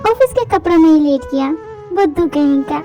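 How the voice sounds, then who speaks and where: A woman voicing a sweet, shy young wife in a fan audio drama, speaking softly. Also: high-pitched, expressive, a little fast, soft background music. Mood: tender.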